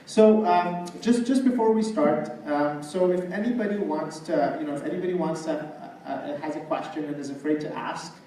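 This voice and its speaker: A man's voice: a little high, moderate pace, hardly any pauses, warm tone. A man hosting a seminar in an informal way, repeating himself. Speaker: seminar host. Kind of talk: seminar talk. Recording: echoey room, far from mic, faint noise.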